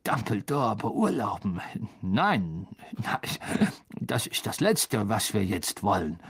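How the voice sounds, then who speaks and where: A man reading an audiobook, voicing a nervous, placating government minister with a husky voice. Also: fairly low pitch, big pitch swings, takes it slowly, full character voice.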